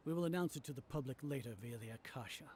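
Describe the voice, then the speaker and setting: A man's voice: medium pitch, fast, a little mellow, slightly rough, lightly acted. An actor voicing a haughty older male scholar leader in a dubbed game, lecturing with contempt. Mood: contemptuous. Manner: condescending, lecturing.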